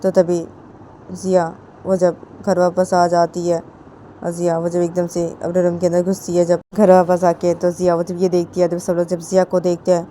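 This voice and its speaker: Mellow-voiced woman retelling a story. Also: fairly low pitch, completely flat delivery, moderate pace, a little hiss or hum. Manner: loose, repetitive retelling. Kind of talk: casual spoken story narration.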